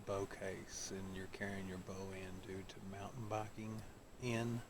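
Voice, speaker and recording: This outdoor vlog host speaks low and unhurried, in a level tone, explaining things to the camera in a casual, folksy, somewhat hesitant way. He is recorded outside in the woods, and the camera audio picks up plenty of noise.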